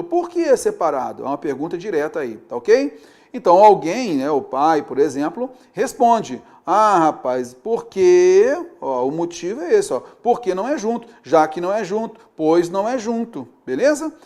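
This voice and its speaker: Man, teacher, high animated voice, chatty, keeps checking in with students. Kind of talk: recorded grammar lesson.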